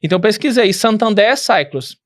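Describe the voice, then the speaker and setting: A man's voice: sits high, animated, brisk. A man with a Brazilian Portuguese accent, a podcast guest telling a rambling travel story with many restarts. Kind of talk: casual interview.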